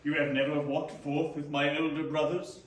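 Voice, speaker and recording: A man playing a jovial giant Christmas spirit, booming and grandly declaiming in a readers theater performance. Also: flat delivery, normal speed, lightly acted. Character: jovial giant male ghost of Christmas Present. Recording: echoey room, distant mic, faint noise.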